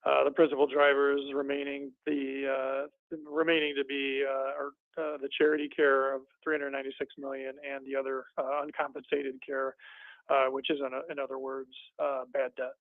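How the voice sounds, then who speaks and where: A man presenting a finance report at a committee meeting, halting often with ums and uhs. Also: medium pitch, completely flat delivery, no room sound. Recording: tinny phone-like line.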